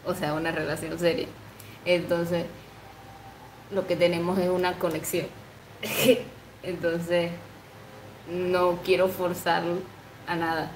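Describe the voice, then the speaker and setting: Young woman, twenties, livestream chat, slow unhurried talk, giggly, echoey room with faint noise. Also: on the low side, flat delivery. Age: 20s. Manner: giggly, chatty, coos baby talk to her pet. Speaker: livestream host. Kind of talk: casual livestream chat reading comments.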